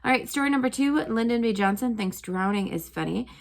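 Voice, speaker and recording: A woman's voice: a little high, lively intonation, brisk, vocal fry. A young woman, a teacher, casually retelling history stories to her students, chatty and full of "um" and "like". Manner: chatty, lots of "um" and "like".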